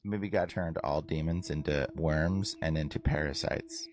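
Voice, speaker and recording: A man's voice: very deep voice, moderate pace, a little mellow, soft background music. A man talking in a casual podcast-style discussion.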